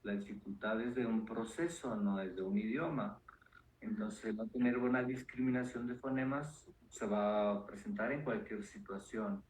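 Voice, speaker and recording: A man, a neuropsychologist guest calmly explaining ideas with frequent fillers. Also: lowish voice, normal speed. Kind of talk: explanatory interview talk. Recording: roomy echo with faint noise.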